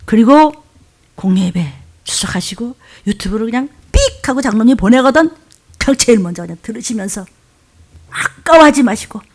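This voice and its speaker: A woman preacher giving a sermon, speaking Korean with touches of Jeolla dialect. She swings between loud, emphatic exhortation and hushed asides. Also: medium pitch, slightly rough.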